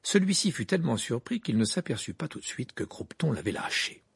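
This is a man narrating an audiobook with a very animated, swinging delivery. His voice is gravelly and deeply husky. The recording is close and completely dry. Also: fairly quick, no room sound. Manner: expressive reading, wide pitch swings.

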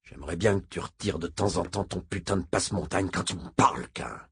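A man voicing a gruff, armed male convoy driver with a blunt, growling way of talking. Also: low voice, animated, brisk, full character voice.

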